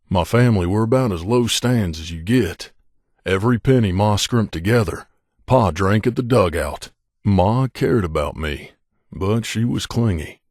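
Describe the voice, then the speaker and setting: In a video game, a male actor voices a guarded wasteland mercenary who confides in his companion, speaking earnestly and with measure like a man weighed down by guilt. His fairly low, darkish voice is recorded close and dry with no echo. The mood is bitter and reserved.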